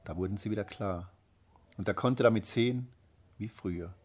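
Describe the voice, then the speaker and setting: A man narrating a fairy tale in a calm, steady storytelling manner, with a husky voice. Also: fairly low pitch, moderate pace.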